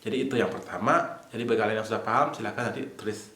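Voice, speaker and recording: A man's voice: fairly low pitch, a bit bright. Male teacher in an echoey room. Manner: repetitive, explains slowly step by step. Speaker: Japanese language teacher. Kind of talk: casual online lesson.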